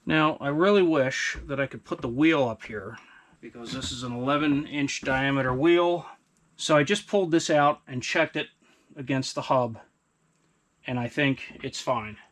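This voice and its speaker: A man's voice: medium pitch, moderate pace, a bit bright. A middle-aged man giving casual, unscripted commentary as he works, thinking aloud in a small workshop. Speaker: host, hobby machinist. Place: small indoor wood-panelled workshop. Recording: clear machine and workshop noise.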